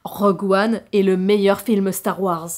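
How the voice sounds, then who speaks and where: A woman's voice: medium pitch, steady tone, measured pace, a little mellow. A woman talking to camera in a casual vlog, playful and sarcastic, with jokey asides. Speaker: YouTuber. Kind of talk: casual vlog monologue with sponsor read.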